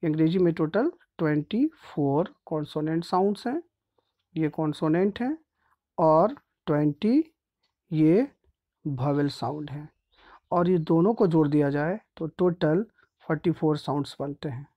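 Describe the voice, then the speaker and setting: A male teacher walks pupils through a grammar lesson. His delivery is patient and repetitive, and he keeps pausing to check that everyone is following. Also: fairly high pitch, animated, dull audio. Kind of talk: grammar lesson explained step by step.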